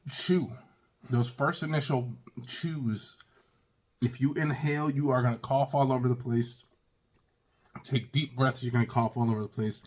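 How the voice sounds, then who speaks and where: A man hosts a casual taste-test review video, exclaiming often and speaking directly to his viewers. His voice is husky and mid-range.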